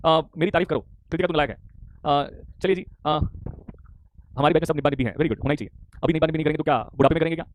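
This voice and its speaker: A man's voice: fairly high pitch, slight background noise. A man teaching a live online class, teasing students and reading their chat replies aloud while repeating his questions. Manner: repeats questions rapidly, pressing for answers. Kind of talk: live online commerce lecture in Hinglish.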